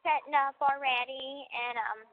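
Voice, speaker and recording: A woman's voice: sits high, steady tone, unhurried. A woman chatting casually on a payphone call from a prison phone, filling her talk with "like". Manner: chatty, leans on "like" as a filler. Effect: payphone call over a prison phone line. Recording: tinny, dry payphone line.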